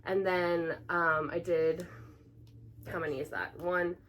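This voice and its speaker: A young woman co-hosting a casual knitting podcast, chatty and gushing, with sudden excited gasps. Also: on the low side, slow, a little hiss or hum. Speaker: podcast co-host.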